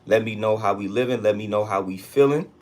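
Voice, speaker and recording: Male, American, lower-pitched voice. Livestream host chatting casually in street slang, leaning on repeated catchphrases to rally viewers. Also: fairly quick, a little mellow. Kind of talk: casual livestream check-in chat.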